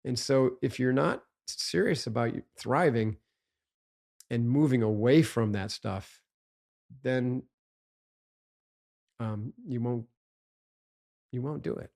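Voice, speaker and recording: A man's voice: mid-range voice, takes it slowly, gravelly, pauses often, a little mellow. A man, a guest on a podcast interview, talking in an emphatic coaching tone and often asking "right?".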